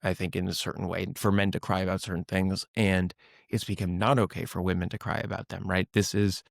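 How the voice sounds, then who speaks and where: A male podcast host shares his views in a loose, chatty way, dropping frequent "like"s. His voice sits on the low side. The recording is dry and close-miked. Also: level tone, brisk, creaky, dry recording. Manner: chatty and opinionated, many "like"s. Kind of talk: interview conversation.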